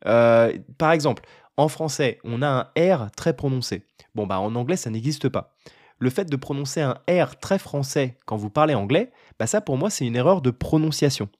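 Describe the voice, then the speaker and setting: A young French man giving a casual talk to camera about learning languages, often pausing on fillers and restarting his sentences. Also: mid-range voice, animated, darkish tone, no echo, clean studio sound. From France. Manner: hesitant, many fillers and restarts.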